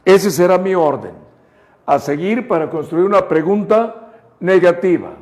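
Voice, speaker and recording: A man from Mexico teaching an English grammar lesson in Spanish, laying out each step and repeating example sentences slowly for his students. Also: sits high, a little mellow. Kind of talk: slow, deliberate grammar lesson.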